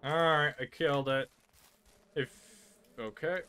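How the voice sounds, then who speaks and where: A man hosting a co-op game session, chatting casually and excitedly calling out to his friends. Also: on the high side, unhurried, slight background noise. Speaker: let's play host. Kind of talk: casual gaming chat with friends.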